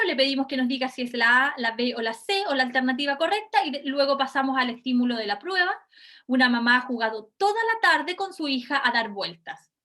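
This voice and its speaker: High-voiced woman lecturing. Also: bright, forceful tone. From Chile. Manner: explanatory, often checking in with a questioning "ya?". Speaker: university lecturer. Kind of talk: recorded class lecture.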